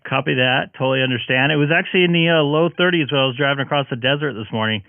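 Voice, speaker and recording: A man's voice: medium pitch, rapid-fire, creaky, dry recording, narrow, tinny audio. Tired, hungover man rambling on ham radio. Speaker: live-streaming ham radio operator. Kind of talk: casual radio chat on a live stream.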